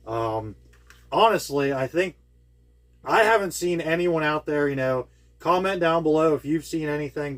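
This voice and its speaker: Guy at home hyped about his build, lots of ums and uhs, just chatting to the camera. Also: a little high. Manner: enthusiastic, rambling with many fillers. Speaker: RC hobby channel host. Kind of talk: casual product walkthrough. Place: indoors at home with air conditioning.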